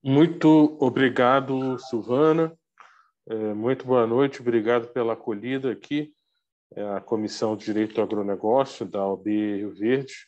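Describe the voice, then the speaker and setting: A Brazilian man giving an informal talk on a video call, speaking through a face mask, halting as he searches for words. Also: medium pitch, a little mellow, muffled recording. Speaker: guest speaker, arbitrator.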